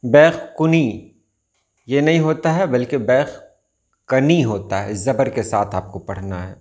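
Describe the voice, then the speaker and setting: A man teaching correct Urdu pronunciation, repeating each word slowly and carefully. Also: fairly low pitch, animated, darkish tone. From India. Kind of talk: pronunciation lesson.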